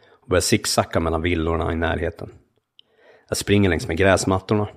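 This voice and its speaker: Deep gravelly man reading his memoir. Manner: calm, measured storytelling in short sentences. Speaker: memoir narrator. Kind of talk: first-person memoir reading.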